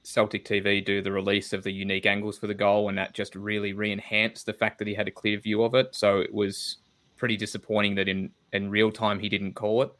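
Male co-host, low and monotone, measured match analysis. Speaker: podcast co-host. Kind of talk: casual football chat.

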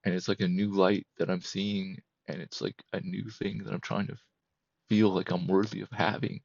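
A man in his thirties, a podcast guest, talking candidly and emotionally in a halting, repetitive way that keeps circling back. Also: deep voice, little pitch movement, creaky, a little mellow, dry recording, muffled recording. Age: 30s. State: emotional, close to breaking. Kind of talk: candid personal conversation.

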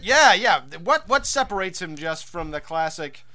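A man's voice: high-pitched, sing-song, normal speed, bright, forceful tone, dry recording. A man co-hosting a podcast in casual, wry, joking chat. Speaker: podcast co-host.

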